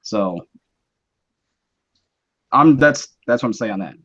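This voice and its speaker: A man's voice: medium pitch, expressive, takes it slowly, a bit bright. Man, live-stream host, casual chat, rambling explanations, muffled lo-fi audio. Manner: conversational, rambling explanations with many restarts.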